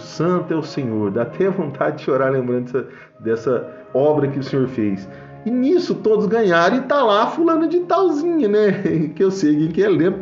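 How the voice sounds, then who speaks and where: Fervent high-voiced Brazilian man testifying. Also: a little mellow. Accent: Brazilian Portuguese. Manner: fervent, storytelling, frequent praise exclamations. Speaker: church member giving a testimony. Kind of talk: emotional religious testimony. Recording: echoey, slightly dull recording with faint music.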